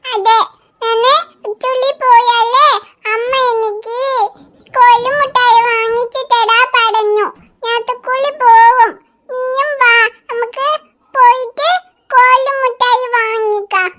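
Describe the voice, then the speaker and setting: A woman voicing an eager little boy in a cartoon who talks slowly and earnestly. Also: extremely high pitch, fairly even intonation, a bit bright, exaggerated voice. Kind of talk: cartoon voice acting.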